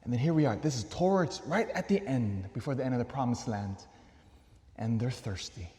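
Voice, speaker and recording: A man preaching a homily as a priest, asking questions and moving from loud emphasis to soft asides. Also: medium pitch, animated, moderate pace. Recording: echoey church hall.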